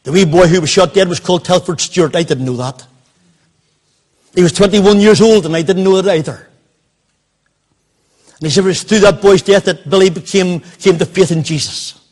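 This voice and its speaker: A man's voice: sits high, moderate pace, pauses often, a little mellow. An older man, telling a personal story in a sermon and quoting the people in it. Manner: anecdotal, quoting others in dialogue. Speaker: preacher.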